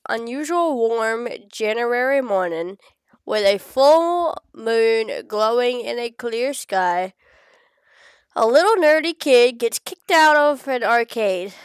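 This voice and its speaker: A woman's voice: a little high, smooth, dry recording, clean studio sound. A woman with a stuffed-up nose reading a story aloud, with playful, self-mocking asides. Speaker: story reader.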